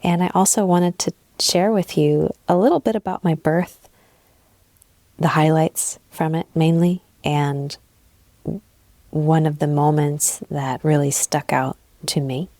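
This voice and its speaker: A low-pitched woman in her thirties, originally from Southern California, chats casually on her own podcast with a gravelly edge. She sounds soft-spoken, reflective and a little sleep deprived. She is recorded close and dry through old earbud headphones on her bed. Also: fairly even intonation, a little slow, no echo. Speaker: podcast host and relationship coach. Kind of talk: unscripted solo podcast chat. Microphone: old wired earbud headphones mic.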